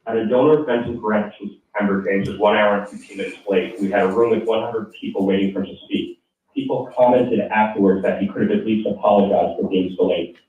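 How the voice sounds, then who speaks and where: Man reading a letter over a choppy, breaking-up call, low voice, thin phone-line sound from far off. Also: steady tone, fast, a little mellow. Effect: choppy call audio that breaks up. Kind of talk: reading a prepared letter aloud. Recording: tinny, echoey call audio from far off.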